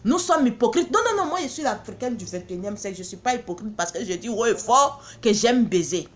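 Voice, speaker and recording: A woman's voice: on the high side, expressive, brisk, a little hiss or hum. A woman from Benin, selling her own products in a blunt, emphatic promotional monologue full of repeated catchphrases.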